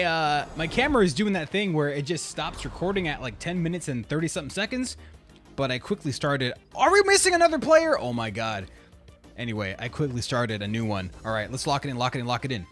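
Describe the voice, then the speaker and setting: Gamer dude commentating his match, kinda high voice, bounces all over, calls everyone bro. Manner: excitable, slangy, talks to viewers as bro and dude. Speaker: gaming YouTuber. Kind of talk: gameplay commentary.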